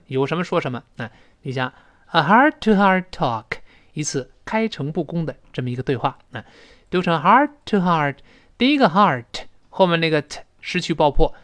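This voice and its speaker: Guy teacher going over english sounds, fairly high voice that jumps around a lot, dry close mic. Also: dry recording. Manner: explains pronunciation step by step, repeating words slowly; lively, with rhetorical questions to listeners. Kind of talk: recorded language lesson.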